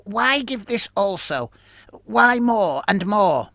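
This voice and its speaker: A man's voice: high-pitched, big pitch swings, takes it slowly, pushed and bright, no room sound, studio quality, pitched above the performer's own voice, heavily acted. A man voicing a curious male ratman soldier who asks questions in clipped, broken grammar. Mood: questioning.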